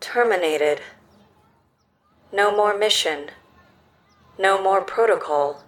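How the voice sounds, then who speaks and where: An actress voicing a helpful robot in an audio drama, speaking in a measured, precise way. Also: female voice, medium pitch, slight background noise, close to an everyday voice. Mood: calm. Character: helpful female-voiced robot, calm and precise.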